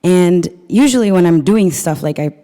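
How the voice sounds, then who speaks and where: A woman from Peru gives a live workshop talk in a low, warm, relaxed voice. She tells stories in a chatty way and keeps asking the crowd questions. The sound carries a long reverb from the hall. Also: moderate pace. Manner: chatty storytelling, polls the audience with questions. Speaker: workshop presenter. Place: event room with a live audience.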